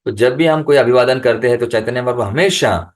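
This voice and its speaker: A man giving a devotional discourse over a video call, reading letters aloud slowly and then explaining them. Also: medium pitch. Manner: chants the holy name in a rising, lifted voice. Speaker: devotional speaker.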